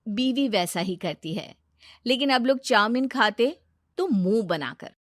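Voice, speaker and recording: A woman narrating a moral cartoon story in a steady, matter-of-fact way. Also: a little high, unhurried, dry recording, studio quality.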